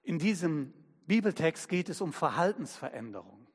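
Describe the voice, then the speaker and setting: A man preaching a sermon as pastor, slow and emphatic, using everyday examples. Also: fairly high pitch, big pitch swings, slightly rough, long reverb tail.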